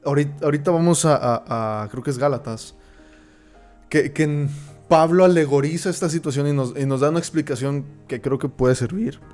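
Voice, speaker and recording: A man's voice: a little high, brisk, a little mellow, soft background music. Man teaching a Bible study. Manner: reads verses aloud, then explains them, often checking in with the listener.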